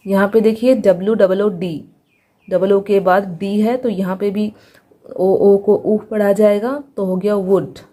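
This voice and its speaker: A woman with an Indian accent teaching English reading, spelling out letters slowly and blending them into words. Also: mid-range voice, steady tone, dark tone. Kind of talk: phonics lesson.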